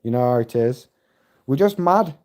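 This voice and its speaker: Middle-aged male streamer, warm low-key tone, chatty, profane and meandering. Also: expressive, moderate pace. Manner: rambling, heavy swearing, chatty storytelling. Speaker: livestream host. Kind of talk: casual live-stream chat.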